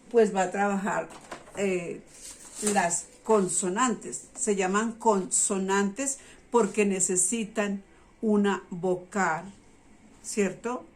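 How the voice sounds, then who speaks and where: A middle-aged woman teacher patiently explaining a reading method to parents, often pausing to check they follow. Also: mid-range voice, steady tone, darkish tone, slight background noise.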